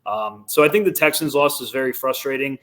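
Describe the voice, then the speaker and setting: Young man, podcast co-host, casual slangy chat, stammers, mid pitch. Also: a little fast, a bit bright.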